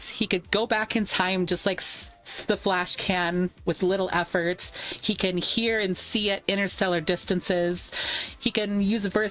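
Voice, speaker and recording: A woman's voice: medium pitch, fairly bright tone. A woman streaming and chatting casually, rambling playfully through tangents and thanking viewers for tips. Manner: rambling, playful, trails off and restarts. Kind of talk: casual livestream chat.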